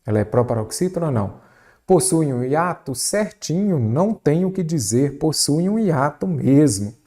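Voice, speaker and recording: A man teaching Brazilian Portuguese spelling for an exam, asking the viewer many quick rhetorical questions. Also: on the high side. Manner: lively, varied pace, rhetorical questions to the viewer. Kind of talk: exam-prep lesson. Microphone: recorded for an online video lesson.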